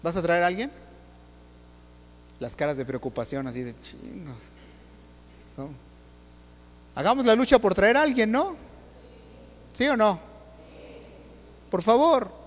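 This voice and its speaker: A man's voice: high-pitched, unhurried, pauses often. A man preaching a sermon, firing rhetorical questions straight at the congregation. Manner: questions the audience directly, rhetorical and animated. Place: church. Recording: long hall reverb.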